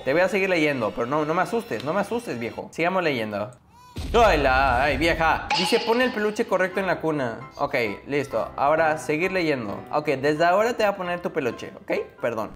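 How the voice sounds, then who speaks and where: Lively, playful man doing game commentary. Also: on the high side. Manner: playful, jokey, talks to the baby in a cooing voice. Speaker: gaming YouTuber. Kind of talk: let's-play commentary.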